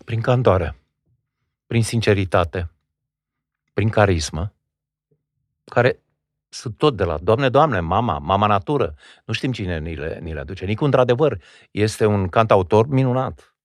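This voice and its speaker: A man's voice: fairly low pitch, lively intonation, pauses often, no echo, studio quality. A man, an actor being interviewed, speaking reflectively and demonstrating sounds as he explains. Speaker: actor, podcast guest. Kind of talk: conversational interview.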